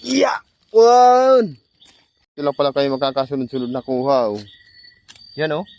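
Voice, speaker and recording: A man vlogging outdoors at night among trees, excitedly pointing out finds and directing a companion. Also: medium pitch, fast, dull audio, slight background noise. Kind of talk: casual outdoor vlog narration.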